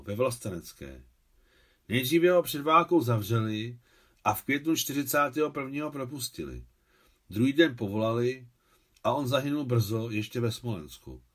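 A man reading his own translation of a novel aloud, narration and dialogue in one voice, in literary audiobook style. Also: mid-range voice.

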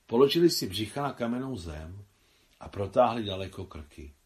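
A man reading his own translation of a novel aloud in a measured, unhurried audiobook narration. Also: lowish voice, lively intonation, darkish tone.

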